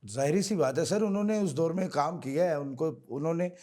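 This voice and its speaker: A man's voice: fairly high pitch, a little fast, mellow. A male singer from Pakistan, answering interview questions earnestly and respectfully, often calling the host sir. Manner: earnest, repeats honorifics, addresses host as sir. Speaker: singer, guest.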